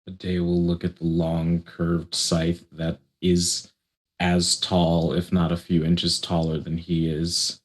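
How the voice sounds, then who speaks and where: A male tabletop player describes his character's actions. His voice is deep and husky, with little melody. He is deliberate and deadpan.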